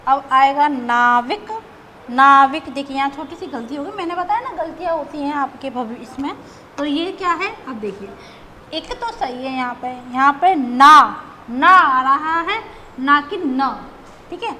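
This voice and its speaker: A woman's voice: high voice, expressive, a little slow, sharp tone, a little hiss or hum, rough recording. A woman teacher explaining grammar step by step, patient, who often checks in with her students as she goes.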